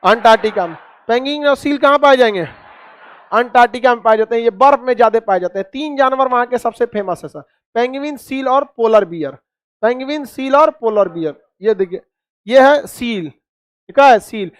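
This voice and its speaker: A man's voice: very high voice, animated, normal speed, clean tone, no room sound, studio quality. A man teaching a class, quizzing students with repeated questions and cracking jokes. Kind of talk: classroom lecture with call-and-response.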